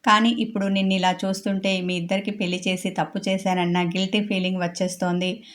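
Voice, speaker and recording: A woman voicing a caring young man who scolds his friend and then speaks gently and with guilt in a storybook reading. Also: medium pitch, level tone, fast, lightly acted. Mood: guilty.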